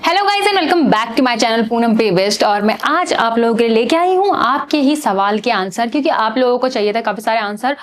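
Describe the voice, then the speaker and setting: A young woman vlogger chats straight to her camera with a slightly high voice. She talks quickly and loosely, doubles back and corrects herself mid-sentence, and keeps a casual, conversational flow. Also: lively intonation, faint music behind. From Uttarakhand, India. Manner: fast, chatty, rambling with self-corrections.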